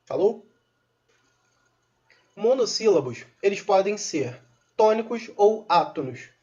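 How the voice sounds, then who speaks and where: Teacher, patient explanatory grammar lesson, mid-pitched voice, muffled lo-fi recording. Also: a little mellow. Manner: patient, explanatory, informal asides to viewers. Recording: dull lo-fi recording.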